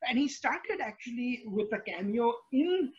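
A male podcast host with an Indian accent chats casually in a high, husky voice. He speaks haltingly and often doubles back on his words. The audio is dull and lo-fi. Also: animated.

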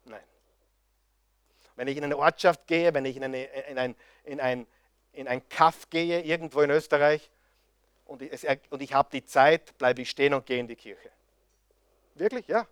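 A man's voice: medium pitch, moderate pace, long pauses, a bit bright, smooth, no room sound, clean studio sound. A man preaching a sermon, impassioned and firing rhetorical questions at his audience.

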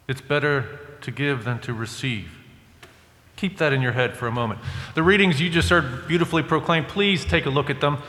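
A man's voice: on the high side, fairly bright tone. Man preaching with cathedral echo. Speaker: priest. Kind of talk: gospel reading and homily at mass. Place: large church. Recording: echoey church hall with long reverb.

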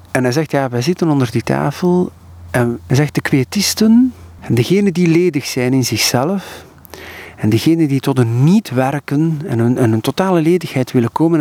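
A man's voice: mid-range voice, vocal fry, a little mellow, husky. A Flemish man in his thirties, a scholar explaining at length in an interview, earnest and searching for words. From Belgium. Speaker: scholar of mysticism, interview guest.

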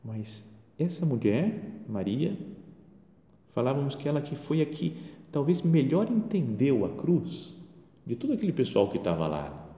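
A Brazilian priest preaches in a relaxed, conversational way, his voice rising and falling through a wide, animated range. His tone is mellow and soft-edged. The sound rings out through a large church with a long, roomy echo. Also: mid-range voice, measured pace. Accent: Brazilian Portuguese. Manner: lively, chatty preaching with frequent rhetorical questions. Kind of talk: conversational homily. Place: church chapel near the tabernacle. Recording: reverberant church hall.

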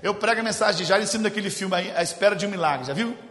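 A man with a Brazilian accent preaching a humorous sermon as a pastor, telling stories and moving between loud, animated stretches and quiet, intimate ones. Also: high-pitched, rapid-fire. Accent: Brazilian Portuguese. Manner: storytelling, jokes with the congregation, shifts from loud to hushed. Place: church hall. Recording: echoey church hall.

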